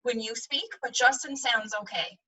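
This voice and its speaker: A fairly high, bright woman's voice comes through a conference call line, breathy and set back from the microphone. She speaks politely and plainly as the session's moderator, apologetic but to the point. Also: normal speed. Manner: polite, apologetic, matter-of-fact. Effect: heard over a conference call line. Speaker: webinar moderator. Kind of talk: brief technical note to the panel. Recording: distant, thin conference-call audio.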